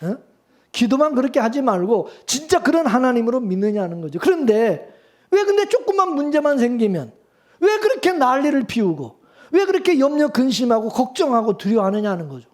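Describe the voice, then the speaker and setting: A male pastor preaching a sermon, firing rhetorical questions at the congregation and swinging from loud urging to hushed calm. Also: very high-pitched, fairly quick.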